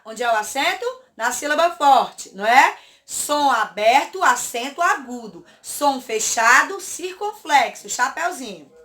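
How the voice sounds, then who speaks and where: Slow, bright schoolteacher. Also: female voice, high voice, animated. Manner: slow and deliberate, often checks with "remember?". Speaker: Portuguese teacher for children. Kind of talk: worksheet lesson.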